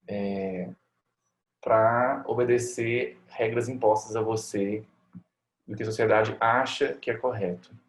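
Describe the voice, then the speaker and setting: Low-voiced Brazilian man, reflective. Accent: Brazilian Portuguese. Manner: reflective, frequent tag questions. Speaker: family doctor, interview guest. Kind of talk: conversational interview answers.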